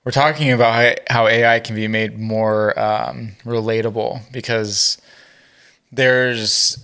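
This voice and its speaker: A man's voice: mid-range voice, steady tone, a little slow, fairly bright tone. A man co-hosting a podcast in casual chat, rambling a bit with many "um"s and "like"s. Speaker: podcast co-host.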